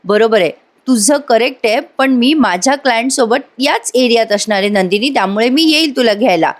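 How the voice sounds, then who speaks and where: A woman doing a young husband who worries over his wife, protective and exasperated, read in a fairly high voice close to her own. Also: animated, a little fast, close to an everyday voice. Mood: worried.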